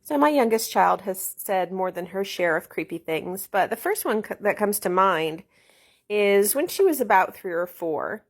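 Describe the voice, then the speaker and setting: Brief: calm, measured woman, mid-pitched, homeschooling mom telling a story to camera. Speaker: homeschooling mother.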